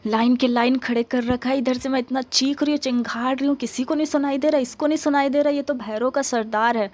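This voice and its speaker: A woman's voice: high voice, steady tone, fairly quick, a little mellow, natural voice. A woman playing a stranded, defiant young woman. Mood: calling out. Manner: grumbling to herself, then pleading with stammering restarts. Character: young woman stranded behind enemy lines, anxious and defiant. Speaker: ASMR roleplay performer. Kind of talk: ASMR role-play.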